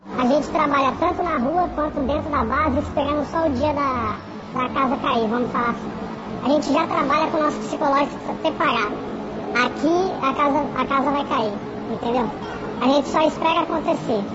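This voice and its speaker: An anonymous worker's voice comes through an electronic distortion that pushes it very high, so the speaker's identity is masked. They talk in a loose, colloquial way, going back over and restarting their phrases. The audio is muffled and low-fidelity, with loud noise and passing traffic behind. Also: normal speed. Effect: voice distortion for anonymity, pitched up. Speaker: security company employee. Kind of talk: anonymous news interview.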